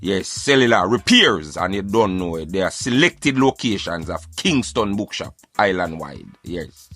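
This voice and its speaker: In an unhurried, low-pitched voice, a Jamaican-accented radio host gives his opinions casually but emphatically, speaking to listeners like friends. Soft music plays in the background, and there's no room sound. He stays animated, calling his audience brethren time and again.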